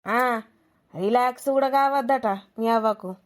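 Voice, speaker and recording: A woman's voice: fairly high pitch, unhurried, lightly acted. A woman voicing a quarrelsome old village grandmother in a cartoon, bickering and taunting. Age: older.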